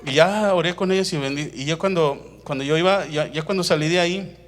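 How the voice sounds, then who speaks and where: A man delivers a testimony sermon. He tells his story animatedly, acting out the dialogue. Then he slows down to drive home his points with deliberate emphasis. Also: fairly high pitch. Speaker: preacher.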